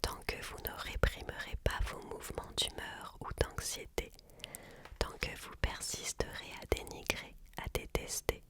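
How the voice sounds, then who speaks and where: A person reading a book aloud as ASMR in a hushed library whisper, slowly and deliberately. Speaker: ASMR reader.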